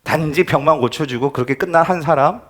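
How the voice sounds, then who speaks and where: A man's voice: fairly high pitch, brisk. A male pastor preaching a sermon in church, emphatic and often asking the congregation questions.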